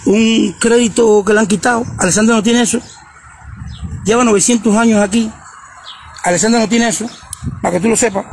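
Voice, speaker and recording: A man on a phone livestream, his voice pitched very high with a gravelly edge. He talks in mocking, repetitive insults, with faint noise behind him. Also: fairly bright tone. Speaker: social media livestreamer. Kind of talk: ranting livestream.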